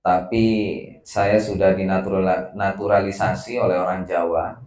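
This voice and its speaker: A man's voice: deep voice, steady tone, a little slow, a little mellow, reverberant, poor audio. A man from West Sumatra whose Indonesian has a Javanese lilt, giving a casual, self-deprecating welcome speech as an institute's director, with many filler sounds. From Padang, West Sumatra. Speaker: executive director of a research institute.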